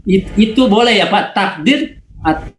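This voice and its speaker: A man's voice: high voice, expressive, a little hiss or hum. Hesitant man asking a question, roomy echo. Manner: hesitant, halting, checks for confirmation. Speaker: Bible study participant.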